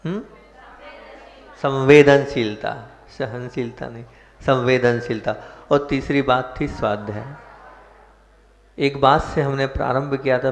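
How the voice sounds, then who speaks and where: A male Jain monk giving a sermon, chanting prayers slowly and then preaching in a measured way with rising emphasis. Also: medium pitch. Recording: echoey hall with long reverb.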